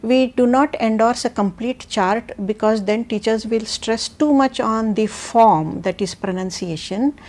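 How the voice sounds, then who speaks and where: A woman with a South Indian accent speaks as an education expert on a panel, answering questions with a methodical, point-by-point explanation. Her voice is a little high and a little mellow, and she talks somewhat slowly with few pauses.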